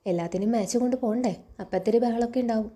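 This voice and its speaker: Scolding rich matriarch read by a woman, mellow and a bit high. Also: racing, natural voice. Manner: scornful, scolding. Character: domineering wealthy middle-aged woman of the house.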